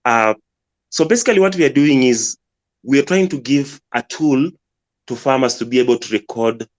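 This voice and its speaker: A man's voice: medium pitch, normal speed, no room sound. A man from Uganda, a guest speaker explaining his farm app in an earnest way with many restarts. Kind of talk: casual pitch on a live audio room.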